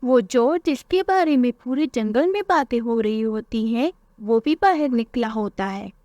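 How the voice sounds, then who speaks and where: A woman narrating a children's cartoon story in a calm, even storytelling manner. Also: fairly high pitch, a little slow, no echo, clean studio sound.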